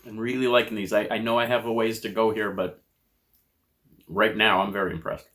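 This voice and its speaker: An American man reviews food to camera in a measured, descriptive way, crunching and chewing chips between comments. His voice sits on the low side with a level tone and a fairly bright timbre.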